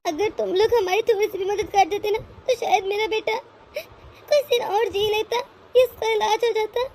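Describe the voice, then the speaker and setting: Grieving cartoon mother, quiet and tearful, high voice, done by a woman. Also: fairly even intonation, normal speed. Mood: tearful grief. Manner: soft, tearful. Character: grieving sister mourning her son.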